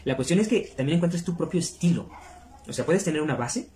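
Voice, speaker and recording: A man's voice: a little high, animated, a little fast, darkish tone. A middle-aged man, hosting a video and explaining things casually to viewers. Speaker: video host. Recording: clear background noise.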